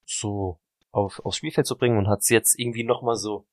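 A man's voice: lowish voice, steady tone, normal speed, darkish tone, no room sound, clean studio sound. A sleep-deprived man, rambling through a casual football podcast chat and often correcting himself. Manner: rambling, self-correcting, apologetic. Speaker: podcast co-host.

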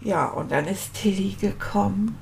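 A woman's voice: mid-range voice, vocal fry, darkish tone. A woman playing a homesick little boy rat. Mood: sheepish. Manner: slow, confiding storytelling to children. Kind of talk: children's puppet storytelling.

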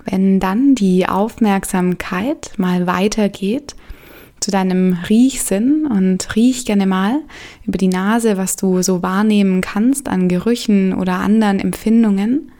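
A woman leading a guided meditation in a soft, soothing way, leaving gentle pauses between phrases. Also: medium pitch.

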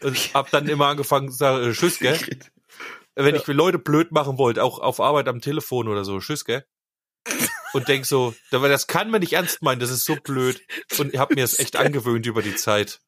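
A man's voice: medium pitch, fast talker, fairly bright tone, no room sound, studio quality. A man chatting casually on a podcast, telling a wry, self-mocking anecdote. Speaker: podcast co-host. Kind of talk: casual chat.

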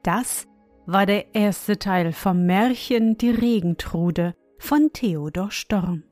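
A woman reads a bedtime fairy tale in a slow, unhurried voice. She speaks gently and soothingly, turning to the child listening. Soft music plays faintly underneath. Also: medium pitch, no room sound. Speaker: bedtime storyteller. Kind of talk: bedtime story reading.

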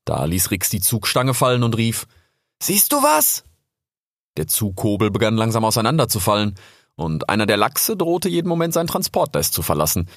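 A man calmly narrating a storybook aloud. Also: on the low side, a little fast, no echo, studio quality. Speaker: audiobook narrator.

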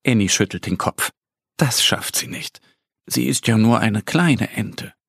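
Man reading a kids story slow and gentle, voice swings up n down, kinda husky. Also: on the low side, expressive, no echo, studio quality. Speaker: narrator. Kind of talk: scripted narration of a children's story.

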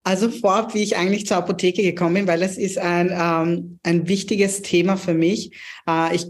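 A woman's voice: lowish voice, level tone, moderate pace. A woman in her thirties, originally from Pakistan, telling her career story as a podcast guest in an earnest, reflective way with frequent hesitations. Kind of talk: interview storytelling.

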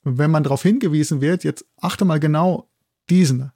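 In an explanatory interview, a German-accented zoologist from a university in Germany appears as the expert guest, speaking hesitantly and adding many tag questions. His voice sits on the high side with a dark tone and moderate pace. The studio-quality recording has no room sound.

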